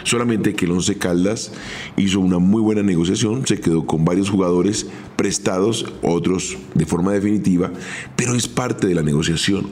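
A middle-aged man with a Colombian accent, a former footballer telling his own career story in a measured, step-by-step podcast monologue. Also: deep voice, a little mellow, a little hiss or hum. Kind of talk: first-person podcast storytelling.

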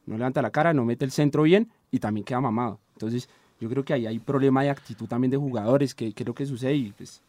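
A man's voice: medium pitch, fast talker, few pauses, dark tone, no room sound. Rambling man debating football. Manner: rambling, many restarts and "¿sí?" tags. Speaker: sports talk co-host.

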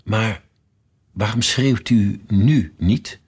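A man's voice: fairly low pitch, drawn-out words, a little mellow, husky, exaggerated voice. A man reading a storybook aloud and voicing a polite, puzzled young girl who asks earnest, wondering questions.

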